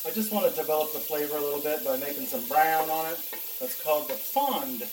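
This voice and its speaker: A man's voice: a little high, animated, brisk, a little hiss or hum. A man hosting a casual cooking vlog, chatting to viewers in a folksy way. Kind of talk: casual taste-test and cooking demonstration. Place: indoors in a kitchen. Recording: roomy echo, distant microphone.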